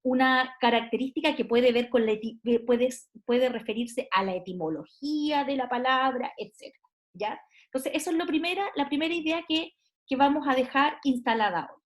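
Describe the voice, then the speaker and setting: A woman lectures students over a computer mic on a video call. Her voice sits high, and she talks in a loose, explanatory way, padding her sentences with fillers and little tag questions. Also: moderate pace. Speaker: university lecturer. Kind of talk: online class lecture.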